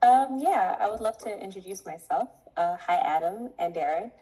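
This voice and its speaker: A young adult woman from Ethiopia, a coffee importer speaking earnestly as an interview guest, with many pauses to think. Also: mid-range voice, animated, mellow, slightly rough, rough recording. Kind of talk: interview conversation.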